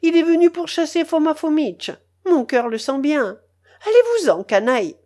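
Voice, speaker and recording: A woman doing a shrill raging old matriarch. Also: expressive, moderate pace. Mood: furious. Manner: shouting, commanding.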